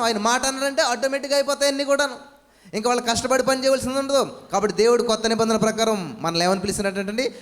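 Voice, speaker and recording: High-voiced fervent male preacher, hall reverb. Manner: fervent, rhetorical questions, calls of hallelujah; shouted commands when casting out. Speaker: pastor. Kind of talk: sermon.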